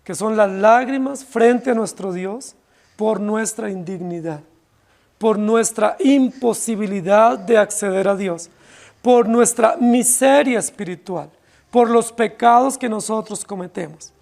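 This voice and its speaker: A pastor from Colombia preaching an impassioned, pleading expository sermon to his congregation, often dropping his voice low on key words. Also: unhurried, creaky, darkish tone. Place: church congregation.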